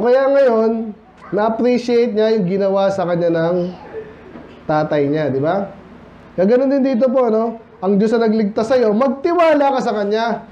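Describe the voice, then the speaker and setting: High-voiced Filipino preacher, lo-fi. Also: male voice, mellow. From Philippines. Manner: conversational, often calls out for amens from the congregation; mixes English phrases into his talk. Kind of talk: midweek Bible study sermon. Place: church hall. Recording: dull lo-fi church recording with faint noise.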